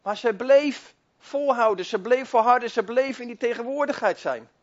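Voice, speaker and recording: On what sounds like an old sermon tape, dull and lo-fi, a high-voiced man preaches at normal speed, repeating himself fervently and building emphasis to drive each point home.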